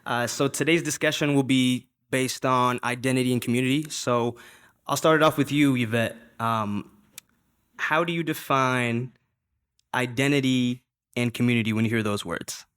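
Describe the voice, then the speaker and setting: A man's voice: mid-range voice, steady tone, moderate pace, a bit bright, smooth. A man moderating a student panel, thanking the speakers and asking plain questions.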